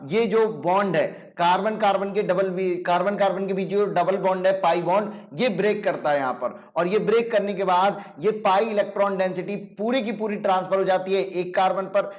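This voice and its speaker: A man with a Hindi accent giving an online chemistry lecture, explaining step by step, answering his own questions and checking in with his students. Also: high voice. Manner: checks in with "ठीक है ना". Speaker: chemistry teacher.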